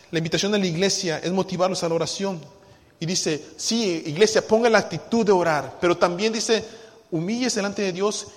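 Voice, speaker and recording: A man with a notably high voice preaches in a church, firing rhetorical questions at his congregation. He moves from quiet asides to loud, emphatic declarations. His words ring out with a long echo through the sanctuary. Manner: swings between hushed asides and loud emphatic lines. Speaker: pastor. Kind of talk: sermon. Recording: long hall reverb.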